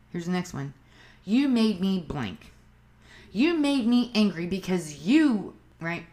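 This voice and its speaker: A woman hosting a casual advice podcast, talking frankly and chattily with swearing and asides. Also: medium pitch. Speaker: podcast host. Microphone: livestream on phone.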